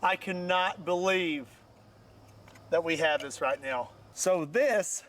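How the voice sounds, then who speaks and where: An American man talking casually and excitably as he hosts an unscripted outdoor demonstration. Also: a little high, slow pace. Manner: excitable, exclaiming. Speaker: host of a shooting video. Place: outdoors at a shooting range.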